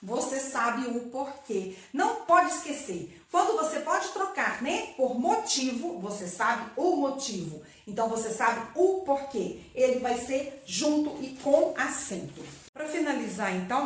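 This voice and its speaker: A woman's voice: a little high, far from the mic. A woman teacher with a Brazilian accent giving a recorded class, patiently asking her pupils questions and answering them herself. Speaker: primary school teacher. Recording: very echoey room.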